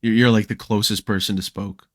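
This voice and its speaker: A young man with a lowish voice chats casually as a podcast guest, rambling through stories with many fillers and restarts. His voice is recorded close and dry, with no room sound. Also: brisk, no room sound. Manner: relaxed storytelling with frequent fillers and restarts. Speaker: podcast guest, Minecraft creator.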